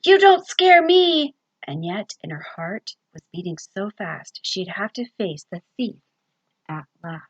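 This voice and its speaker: A woman librarian reading a picture book aloud to children, with expressive sing-song storytelling and questions to her young listeners. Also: on the low side, unhurried, breathy edge, no echo, lo-fi sound.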